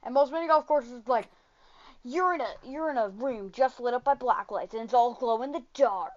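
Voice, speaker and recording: Woman hosting a chatty podcast, kinda high voice, swears a lot, muffled lo-fi sound. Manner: swearing, rambling, quick asides. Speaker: podcast host. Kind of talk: casual podcast chat. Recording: dull lo-fi sound.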